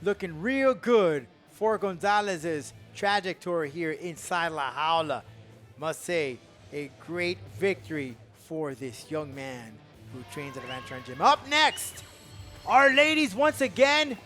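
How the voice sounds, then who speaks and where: A man's voice: high-pitched, fairly bright tone. A man giving live play-by-play commentary on mixed martial arts fights. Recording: faint music and crowd behind.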